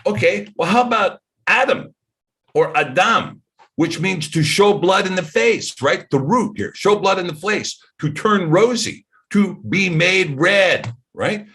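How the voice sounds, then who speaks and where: A man teaching scripture in a casual, animated way, firing off rhetorical questions and jokey asides to himself. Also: high-pitched, measured pace, few pauses. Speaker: Bible teacher.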